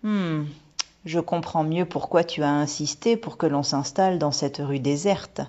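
A woman's voice: low voice, a little slow, dark tone. A woman voicing a serious young father who grumbles and insists. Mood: grumbling. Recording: dull lo-fi recording.

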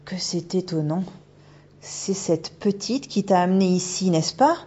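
A woman's voice: lowish voice, lively intonation, a little slow, mellow, breathy edge, dull audio. A woman voicing a mysterious, haughty shapeshifting otter spirit in an audiobook, commanding and knowing. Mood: imperious. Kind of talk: audiobook character voice.

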